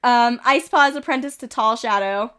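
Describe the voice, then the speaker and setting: A woman with a slightly high voice streams a game while a little under the weather. She reads in-game events aloud in a casual, chatty way, breaking off for quick amused asides. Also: bright, forceful tone, clean tone. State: a little sick, with occasional coughs.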